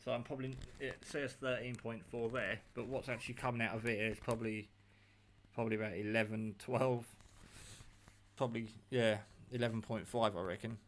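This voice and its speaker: A radio hobbyist sits at a home table, casually narrating a hands-on gadget test in a mid-range, flat voice at a brisk clip. He's chatty and rambling, matter-of-fact and self-deprecating, while someone off screen films on a handheld phone. There's slight background noise.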